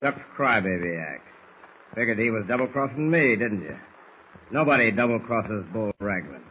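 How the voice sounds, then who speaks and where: An actor playing a tough, threatening smuggler boss with slangy gangster bluster in an old radio serial. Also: male voice, fairly low pitch, lively intonation, moderate pace, lightly acted. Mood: gloating, menacing. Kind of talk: 1940s radio serial acting. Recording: muffled, hissy old radio recording.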